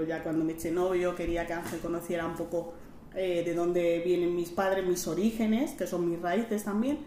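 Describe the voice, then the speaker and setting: A woman's voice: lowish voice, mellow, a little hiss or hum. A young woman, a podcast guest telling personal stories in a reflective, conversational way. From Spain. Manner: reflective, storytelling. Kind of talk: casual conversational interview. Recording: roomy echo.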